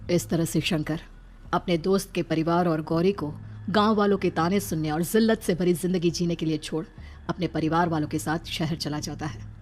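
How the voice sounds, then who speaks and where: A woman's voice: fairly low pitch, fairly even intonation, moderate pace, a little mellow, a little hiss or hum. A woman narrating a horror cartoon story in a dramatic storytelling manner. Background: music.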